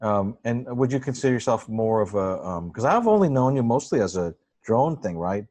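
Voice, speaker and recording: A man's voice: lowish voice, big pitch swings, normal speed, a little mellow. A man hosting a casual video call chat, effusive and enthusiastic, often searching for words. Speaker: host interviewing a photographer.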